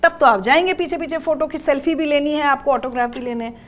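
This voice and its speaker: A woman's voice: high-pitched, fast talker, a bit bright. A woman hosting a panel discussion, making her points with pointed rhetorical questions. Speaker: host.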